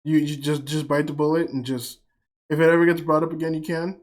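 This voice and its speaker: A man's voice: fairly high pitch, flat delivery, a little fast. Blunt teasing young man, swears freely. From United States. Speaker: podcast host. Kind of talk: casual chat.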